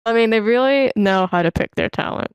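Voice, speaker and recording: A woman's voice: fairly high pitch, brisk, clear, resonant tone, dry recording. A woman opera singer chatting casually as a guest, thoughtful and hesitant, with many fillers. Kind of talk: casual reaction chat.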